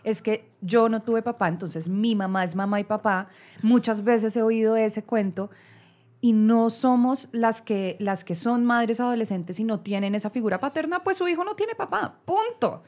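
A woman's voice: fairly high pitch, normal speed, a little mellow. Affirming woman host. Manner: engaged, affirming, conversational. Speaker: podcast host. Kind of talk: casual interview.

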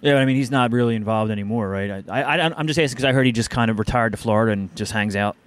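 A man co-hosting a podcast, trading casual banter. He delivers his teasing in a dry, deadpan tone, with a mid-range voice. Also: mid-range voice, very fast. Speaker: podcast co-host. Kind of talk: casual chat.

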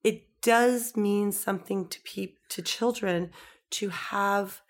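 A woman's voice: mid-range voice, takes it slowly. A middle-aged woman in easy, casual conversation as a guest. She tells stories with lots of "like" fillers and slips into the voices of the people she quotes. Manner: animated storyteller, acts out quoted voices, many "like" fillers.

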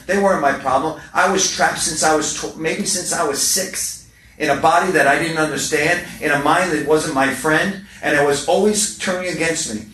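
Brief: middle-aged man, recovery meeting speaker, passionate storyteller, slightly high voice, roomy echo, off-mic. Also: fairly bright tone, far from the mic. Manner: passionate storytelling with repetitions and humor. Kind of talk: speaker share talk. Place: meeting hall. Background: faint room ambience.

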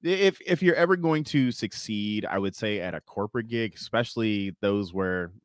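A man, a stand-up comedian, telling work stories in casual chat, animated and profane, acting out the people he quotes. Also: lowish voice, dry recording, clean studio sound. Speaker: stand-up comedian, podcast guest.

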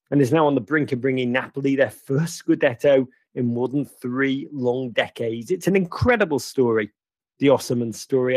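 A man's voice: medium pitch, a little mellow, breathy edge, no room sound. A man hosting a football podcast, giving casual news commentary with wry, playful asides. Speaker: podcast host.

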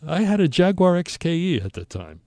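Gravelly older man with a Brooklyn accent. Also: high voice, sing-song, brisk, mellow, no room sound, clean studio sound. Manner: emphatic, conversational. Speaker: storyteller on a talk show. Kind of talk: animated anecdotal storytelling, acting out dialogue.

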